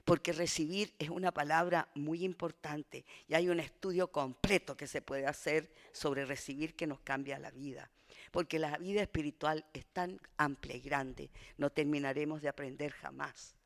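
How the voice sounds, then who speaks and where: A man teaching a church discipleship class in an earnest sermon style, dropping to a hush on key phrases and building when he exhorts. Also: fairly high pitch, steady tone, moderate pace, gravelly, big-room sound.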